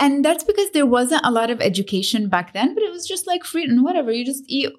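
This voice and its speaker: A woman's voice: high-pitched, racing. A young woman from Lebanon, a fitness trainer and dietitian, talking casually as a podcast guest, mixing English with Arabic and sprinkling in "like" and "you know.". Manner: lively, mixes English with Arabic, many "like" and "you know" fillers.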